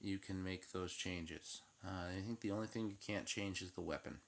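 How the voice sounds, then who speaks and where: A man's voice: sits low, steady tone, moderate pace. A man giving a casual, unscripted video walkthrough as an app demonstrator. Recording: loud background noise and clicks.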